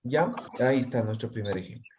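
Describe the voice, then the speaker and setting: A man's voice: medium pitch, brisk, darkish tone, slight background noise. A man teaching a language class, quizzing his students and checking often whether they follow. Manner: constantly checks understanding with tag questions. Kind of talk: online class.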